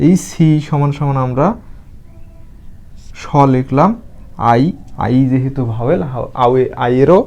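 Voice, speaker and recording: A man teaching English reading, explaining spelling and pronunciation slowly, spelling words out letter by letter. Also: mid-range voice, mellow.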